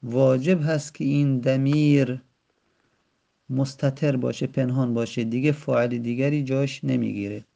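Gravelly-voiced man teaching grammar patiently. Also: mid-range voice, fairly even intonation, mellow. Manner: patient, repeats and rephrases terms, addresses the student directly. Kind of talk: explanatory lesson. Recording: dull lo-fi recording.

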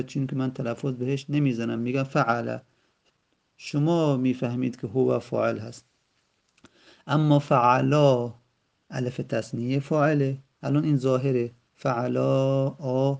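A man's voice: medium pitch, steady tone, gravelly, a little mellow. A man teaching Arabic grammar in a patient lesson, repeating and rephrasing each term, speaking directly to the student. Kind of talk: explanatory lesson. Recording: dull lo-fi recording.

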